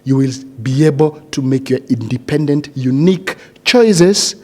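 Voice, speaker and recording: A man's voice: mid-range voice, a little slow, warm tone. A middle-aged man giving a motivational speech to a seated audience, earnest, often repeating phrases and asking the audience questions. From Kenya. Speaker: speaker addressing a graduating cohort.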